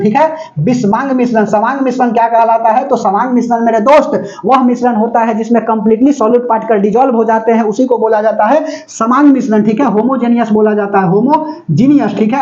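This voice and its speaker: Male chemistry teacher, very high pitch, dull lo-fi recording, keeps asking the class questions. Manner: constantly quizzes students with rhetorical questions; relaxed, joking everyday examples. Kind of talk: classroom lecture.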